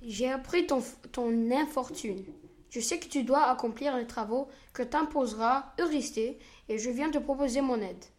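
An eager, loyal teenage boy from a storybook, voiced by a woman reading aloud. He pleads earnestly, in a high voice. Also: normal speed, close to an everyday voice.

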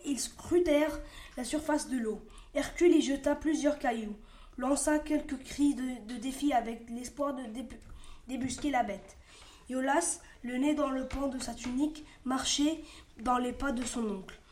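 High-voiced woman reading a story, roomy echo. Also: moderate pace, darkish tone. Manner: careful reading with restarts.

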